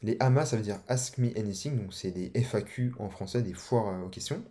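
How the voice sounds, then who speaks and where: A man's voice: fairly low pitch, fairly quick, dark tone. A young man casually teaching online, talking loosely with slang and many fillers. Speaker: online course instructor. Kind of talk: casual explanatory tutorial.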